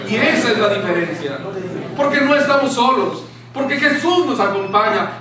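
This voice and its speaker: A man preaching a sermon in a small church room, impassioned, dropping to a hushed tone when he quotes scripture. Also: very high voice. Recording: very echoey room, distant mic, faint hiss.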